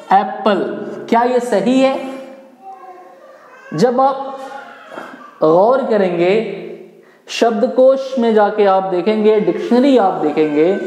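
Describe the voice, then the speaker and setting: A man teaching English pronunciation, speaking slowly and deliberately and repeating each word many times. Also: high-pitched, a little mellow. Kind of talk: classroom-style pronunciation lesson. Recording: echoey room with long reverb.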